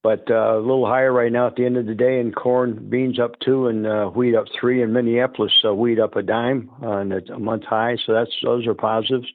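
A man talking over the phone as a market analyst guest, giving halting market commentary with many fillers. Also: mid-range voice, little pitch movement, no echo. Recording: tinny phone line.

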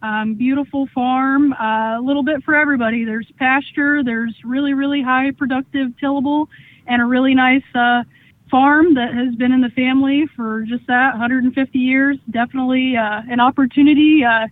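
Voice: high-pitched, normal speed, no echo. An auction company representative talking casually over the phone on a radio show, with lots of "uh" fillers between phrases. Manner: relaxed, many "uh" fillers. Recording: narrow tinny phone line, dry.

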